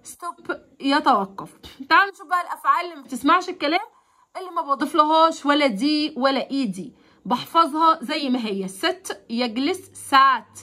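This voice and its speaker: A woman with an Egyptian Arabic accent teaching a vocabulary lesson to children. She stretches English words out slowly, repeats them for pupils to follow, then explains quickly. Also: high-pitched, expressive, sharp tone. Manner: slow, drawn-out English words, fast chatty explanations.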